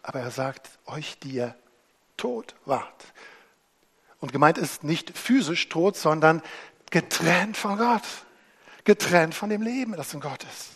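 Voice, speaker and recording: A man preaching a sermon, swinging between hushed and loud as he retells scripture. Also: on the high side, lively intonation, unhurried, husky.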